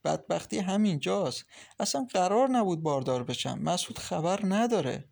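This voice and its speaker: Man doing a pregnant young wife, sad, hesitant, high voice, audiobook. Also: lively intonation, creaky, exaggerated voice. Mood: troubled. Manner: sad, hesitant, complaining quietly. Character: troubled pregnant young wife, woman, downcast. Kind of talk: audiobook character reading.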